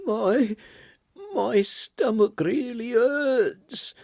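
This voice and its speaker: A woman's voice: lowish voice, very animated, slow, gravelly, warm tone, slightly rough, no room sound, studio quality, voice pushed up, full character voice. A man reading an audiobook, voicing a prim woman who is sick and whimpering weakly. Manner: weak, heart-rending whimper.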